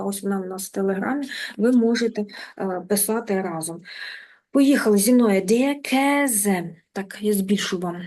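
A woman teacher giving an online language lesson, patient, slowing down and repeating words so learners can follow. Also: medium pitch, darkish tone. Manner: patient, repeats words slowly and drills them. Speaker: German teacher.

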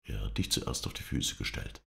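A man reading an audiobook voices a mocking man who speaks softly in a poisonously sweet tone. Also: normal speed, lightly acted.

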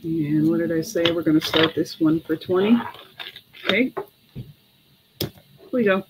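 The host, an unhurried middle-aged woman, calls bids and prices for vintage glass during a casual live online sale, dropping in chatty asides and pausing along the way. Her voice is lowish, there is background noise, and she is indoors in a small room at home.

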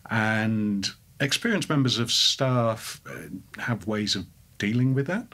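A man, head of a dental school, talking in a measured, thoughtful way with some hesitations. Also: fairly low pitch, animated, fairly bright tone. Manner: measured, hesitant, with fillers and restarts. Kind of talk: thoughtful discussion.

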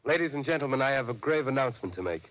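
An actor playing a serious, formal news announcer reading emergency bulletins in 1930s radio drama style. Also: male voice, mid-range voice, lively intonation, rapid-fire, fairly bright tone, lightly acted. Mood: grave, urgent. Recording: dull vintage 1938 radio recording.

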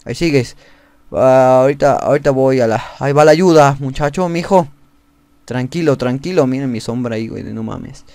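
A man's voice: medium pitch, brisk, darkish tone, no echo. A man with a Mexican accent giving crude, joking let's play commentary, bickering with himself as he plays. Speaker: gaming YouTuber.

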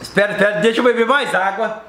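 A man's voice: high voice, quick pace, over a noisy crowd. A man with a Brazilian accent chatting playfully and exclaiming, his mouth burning from spicy food. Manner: animated, exclaiming. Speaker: host of a family challenge video. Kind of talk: casual playful chat to viewers during a game. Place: living room couch. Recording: echoey room, faint background noise.

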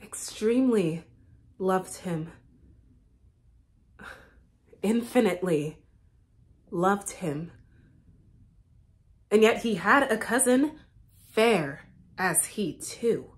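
A lovesick young maiden from a classical stage comedy, acted by a young woman. Her delivery is theatrical and slow, with dramatic pauses. Her pitch swings widely as she swells and softens. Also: expressive. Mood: smitten. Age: young adult. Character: lovesick young jailer's daughter in a classical play. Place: indoor studio with plain backdrop.

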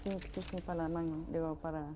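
A woman commentating a co-op game, excited, repeating callouts rapidly. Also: low-pitched. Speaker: gamer. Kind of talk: co-op gameplay commentary. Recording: game noise behind the voice.

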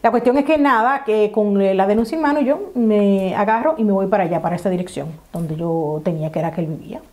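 A woman's voice: mid-range voice, fast. A young woman, telling a dramatic storytime vlog and acting out the quotes. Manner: animated, dramatic retelling with acted-out quotes. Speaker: vlogger. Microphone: camera mic.

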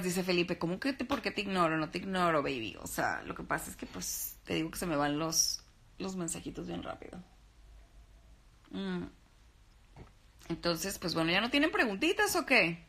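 Lying in bed indoors, a woman in her thirties from Sinaloa, Mexico, an actress and TV host, does a casual live stream on a phone held at arm's length. In a lowish voice, she chats easily and reads fan comments aloud with warmth, addressing viewers as "mi amor" and "baby."

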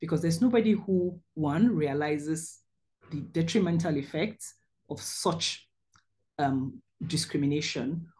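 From a small room, a middle-aged woman who is a surgeon hosts a webinar over video call, talking over slides. Her voice is low and mellow, and she tells her story earnestly with many pauses and "um"s.

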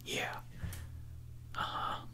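A man in his thirties chatting casually on the phone in a breathy ASMR whisper, close to a desktop microphone in a small room. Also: very slow, over loud music. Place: small room indoors at home. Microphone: close desktop condenser microphone.

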